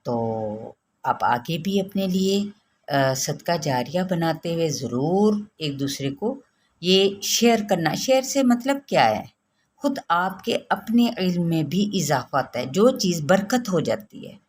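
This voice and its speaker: Low-voiced woman teaching Quran recitation. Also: very animated, darkish tone, a little hiss or hum. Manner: patient step-by-step explaining, drawing out recited words slowly. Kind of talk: tajweed lesson.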